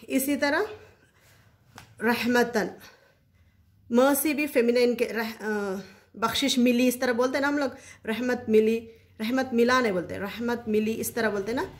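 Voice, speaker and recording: A woman's voice: on the high side, measured pace, pauses often. A woman teaching Quranic Arabic grammar in a casual explanatory lesson, often repeating key terms for her listeners.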